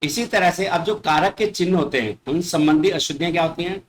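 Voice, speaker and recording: A man teaching a class, slowly repeating each word for young pupils and answering his own questions. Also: on the high side, rough recording. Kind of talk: classroom lesson explaining word corrections.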